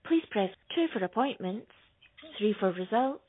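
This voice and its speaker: A woman's voice: mid-range voice, a little hiss or hum. Recorded phone menu, woman, tinny line. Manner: measured, even and formal. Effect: recorded phone message. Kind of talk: scripted automated announcement.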